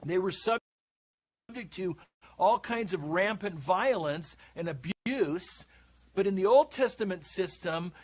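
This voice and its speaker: A man explaining in a measured, methodical lecture, played from a video. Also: sits high. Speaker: bible teacher in a played video.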